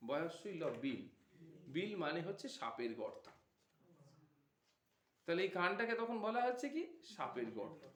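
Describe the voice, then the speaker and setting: A man's voice: high-pitched, fairly bright tone, echoey room. A man giving a devotional discourse, asking his listeners questions and answering them himself. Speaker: Bhagavata reciter.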